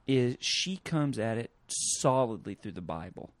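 A man co-hosting a podcast in casual chat, talking in a relaxed way with many fillers and pauses. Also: mid-range voice, no room sound. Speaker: podcast co-host.

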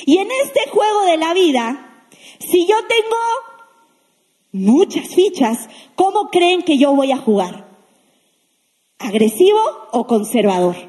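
High-voiced woman preaching in a hall. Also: slow pace, pauses often. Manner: lively, asks the audience questions, acts out quotes. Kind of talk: sermon to a youth congregation.

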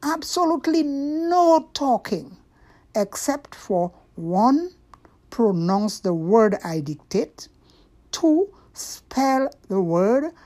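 Woman acting a strict, high-voiced female schoolteacher. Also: big pitch swings, warm tone. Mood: stern. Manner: emphatic, drawn-out, commanding. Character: strict, stern female schoolteacher laying down rules.

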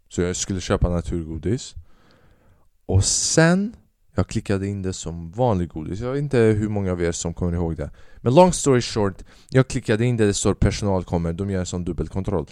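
A man's voice: low voice, warm tone, no echo, studio quality. A man hosting a podcast, telling rambling comedic stories full of swearing and acted-out dialogue. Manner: profane, rambling, acts out quoted people. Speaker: podcast host. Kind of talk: casual comedic storytelling monologue.

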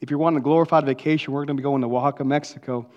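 A man's voice: mid-range voice, fairly even intonation, racing, a little mellow, dull audio. A man preaching a motivational sermon in an informal, folksy way, repeating key words for emphasis and putting rhetorical questions to his listeners. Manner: rhetorical questions and calls for audience response.

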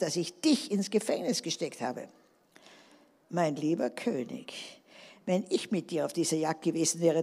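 A woman's voice: medium pitch, darkish tone. A woman preacher delivering an emphatic sermon, often calling for an amen from the congregation. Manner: emphatic, calls for amens. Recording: long hall reverb.

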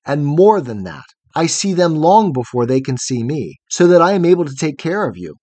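A man voicing a brave, gentle young woman of the night who coaxes and protects her frightened companion. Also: a little high, normal speed, dry recording. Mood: coaxing. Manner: calm, coaxing, protective.

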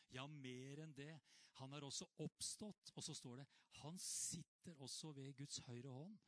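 A man preaching a sermon in a conversational way, now and then rising into animated outbursts. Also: mid-range voice, no room sound.

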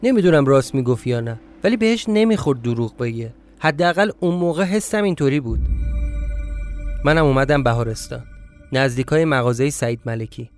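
A man narrating a first-person story in a confiding, reflective tone. His voice sits at an ordinary mid pitch, and soft music plays faintly behind him. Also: expressive.

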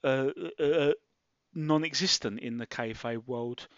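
A man co-hosting a wrestling podcast, calmly analyzing the footage and tagging on questions. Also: mid-range voice, unhurried, dry recording, lo-fi sound. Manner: analytical, asks rhetorical tags. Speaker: podcast co-host. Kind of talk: casual wrestling watch-along chat.

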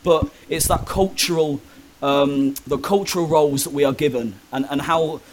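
Speaking at a moderate pace in a slightly high voice, this young interview guest shares personal stories openly but haltingly, full of ums and false starts. A little hiss or hum can be heard in the recording.

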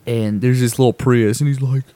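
A man in a casual podcast chat, telling a relaxed, rambling story with fillers and restarts and acting out other people's lines. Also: medium pitch, normal speed, no room sound. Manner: acts out people's lines in a raised voice when telling stories. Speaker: podcast host.

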